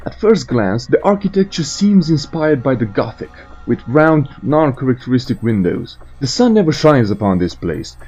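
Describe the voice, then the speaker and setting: A man's voice: medium pitch, sing-song, normal speed, few pauses, darkish tone, husky. A man delivering scripted video game lore narration as a storyteller, with irreverent joking asides. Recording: muffled voice over faint music.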